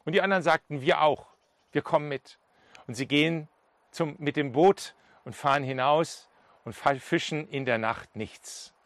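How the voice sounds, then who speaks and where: A man's voice: on the high side, normal speed, fairly bright tone, no echo. Emphatic storytelling male preacher. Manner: emphatic storytelling, retells and acts out Bible scenes. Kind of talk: sermon.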